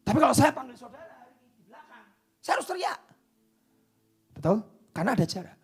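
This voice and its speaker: A man preaching a sermon into a microphone in church, swinging from loud declarations down to hushed whispers. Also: very high voice, very animated, quick pace, creaky, husky, soft background music. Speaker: pastor.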